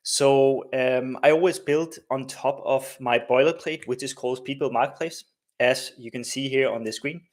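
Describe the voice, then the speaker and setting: A man's voice: medium pitch, steady tone, normal speed. Chatty man hosting a live stream. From Denmark. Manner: chatty, many fillers and tag questions. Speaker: host of a live coding stream. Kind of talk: casual live-stream walkthrough.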